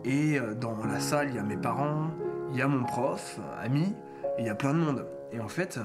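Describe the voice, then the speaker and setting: A man in his thirties telling a personal story to camera in a casual, animated way, acting out bits of dialogue and poking fun at himself. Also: medium pitch, normal speed. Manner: animated, acts out dialogue, self-mocking. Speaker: YouTuber. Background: loud background music.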